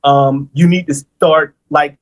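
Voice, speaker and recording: A financial planner in his thirties explains things on a podcast in a lively, conversational way, checking in with listeners by asking "right?" His voice is fairly high and his pace slow.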